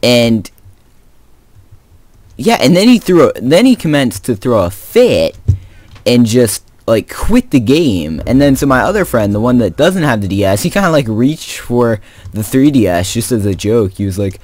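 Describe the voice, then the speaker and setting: A man's voice: medium pitch, very animated, moderate pace, a little mellow, no room sound. A teenage boy telling a rambling story in a casual way while playing a video game, with lots of fillers and restarts. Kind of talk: casual storytime over gameplay commentary.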